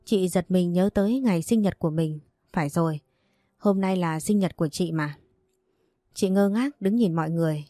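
A woman narrating a romance story in a steady, even reading voice. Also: lowish voice, normal speed, no room sound, clean studio sound, faint music behind.

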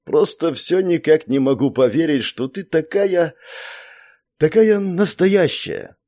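A man's voice: on the high side, slow pace, a little mellow, pitched above the performer's own voice. A man voicing an easygoing young king. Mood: wistful. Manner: friendly, coaxing.

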